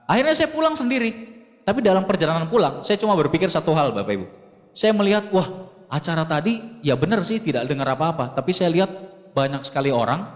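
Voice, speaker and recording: A man's voice: fairly high pitch, muffled recording. A man in his thirties from Makassar speaks from a seminar stage in a slightly raised voice. He tells his story with energy and keeps turning to address the audience. A long hall reverb trails behind each phrase. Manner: animated storytelling, often addresses the audience directly. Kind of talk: motivational stage talk.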